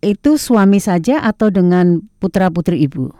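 A woman's voice: on the low side, expressive, normal speed, warm tone, dry recording, clean studio sound. A woman conducting a conversational interview with polite, chatty questions.

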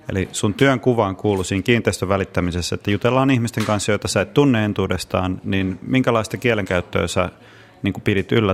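A male interviewer asks his guest measured, friendly questions. His voice sits very low. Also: vocal fry.

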